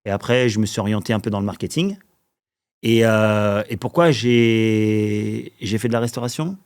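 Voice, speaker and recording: Low-voiced storytelling man in his forties. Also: normal speed, darkish tone, clear, resonant tone. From Paris suburbs, France. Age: 40s. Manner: rambling storyteller, filler-heavy, chuckles often. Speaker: podcast guest. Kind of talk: casual podcast chat.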